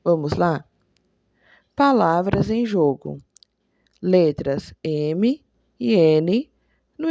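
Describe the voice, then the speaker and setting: Woman, primary school teacher, remote lesson, very slow and patient, gravelly, dull lo-fi sound. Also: medium pitch, warm tone, dry recording. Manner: slow, patient, explains each step with examples. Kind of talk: remote school lesson, reading textbook exercises.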